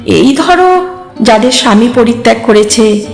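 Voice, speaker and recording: A woman voicing a gentle, humble elderly woman who was once a schoolteacher, speaking softly and a little hesitantly in an audio story. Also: a little high, lively intonation, a little slow, vocal fry. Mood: earnest. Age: over 60. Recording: echoey hall with faint music.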